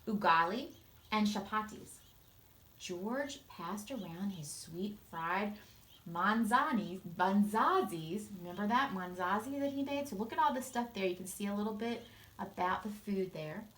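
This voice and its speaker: Teacher reading a storybook to kids, unhurried pace, pauses to explain words. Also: female voice, medium pitch, lively intonation, fairly bright tone, reverberant, low-quality recording. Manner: slow, explaining words to children. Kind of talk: reading a picture book aloud.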